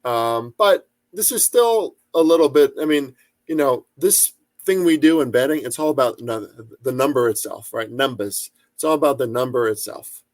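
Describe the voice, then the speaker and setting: A man's voice: medium pitch, lively intonation, normal speed, dry recording. Young guy talking football bets, swears a lot, lots of um and you know, dry close sound. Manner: loose and profane, full of fillers and restarts; hedging, chatty asides. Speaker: sports betting commentator. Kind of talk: casual sports betting commentary.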